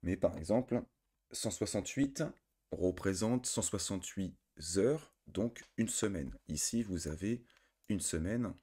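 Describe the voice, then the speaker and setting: A man with a notably low voice walks viewers through a trading tool on screen. He explains each setting step by step, pausing with fillers and correcting himself as he goes. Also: dark tone, slightly rough. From France. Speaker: trading indicator tutor. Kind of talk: screen-recorded software tutorial.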